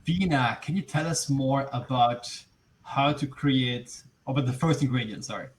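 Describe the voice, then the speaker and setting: A man's voice: medium pitch, moderate pace. A man from Belgium whose first language is French, speaking English with a Belgian French accent as he hosts a webinar over a video call, friendly and full of fillers and restarts. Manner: friendly, laughs often, many fillers and restarts. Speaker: webinar host. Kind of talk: casual webinar hosting.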